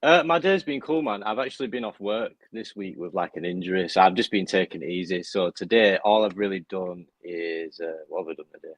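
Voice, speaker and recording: A young man as a podcast guest, talking in a relaxed, friendly way. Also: low-pitched, brisk, few pauses, no room sound. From United Kingdom. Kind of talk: casual interview chat.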